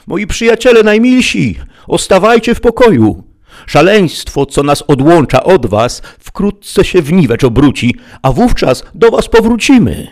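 A man's voice: lively intonation, moderate pace, hardly any pauses, a little mellow, lightly acted. A man voicing a timid, fretful peasant squire in an audiobook, speaking in a plaintive, whiny tone. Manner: whiny, plaintive, high-pitched. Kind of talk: audiobook character reading.

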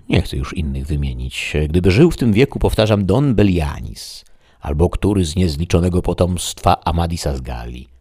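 Audiobook: man reads elderly self-important knight, very deep, dark, husky, solemn declaiming. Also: no echo, clean studio sound, heavily acted. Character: elderly deluded knight-errant, grandly earnest. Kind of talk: audiobook reading.

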